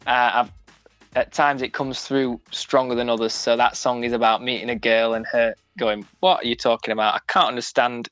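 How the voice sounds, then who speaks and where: In a mid-range, fairly bright voice on a dry recording, the young Sheffield musician talks frankly in his broad local accent during a casual radio interview. He keeps restarting sentences and filling pauses, while music runs beneath the dull, dry sound.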